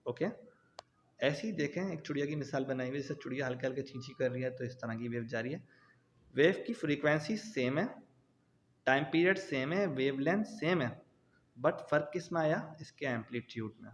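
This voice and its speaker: A man giving a classroom physics lecture, explaining step by step with everyday examples. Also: mid-range voice. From Pakistan. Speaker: physics teacher. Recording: dull lo-fi sound with faint noise.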